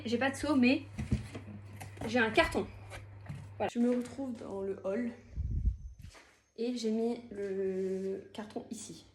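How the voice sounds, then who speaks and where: High-voiced chatty young woman vlogging. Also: takes it slowly, pauses often, a little hiss or hum. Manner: chatty, self-mocking, bursts of laughter. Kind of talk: casual challenge vlog. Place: at home.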